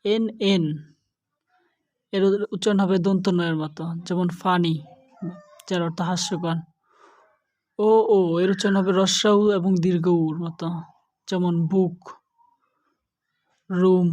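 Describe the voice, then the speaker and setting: Woman teacher, kinda low voice, talks real slow n careful. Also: steady tone, darkish tone. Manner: slow, careful listing of letter pairs. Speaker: English teacher. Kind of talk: slow spoken lesson.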